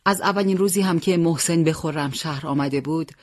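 A storyteller reads a wartime tale in a steady, measured voice. The pitch is mid-range and the sound is dry, with no room around it. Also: no echo. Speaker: narrator. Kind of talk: scripted storytelling narration.

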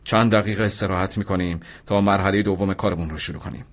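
A man voicing a steady, devout male battalion commander in an earnest radio drama reading. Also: low-pitched. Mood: calm. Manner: earnest, fervent when pleading.

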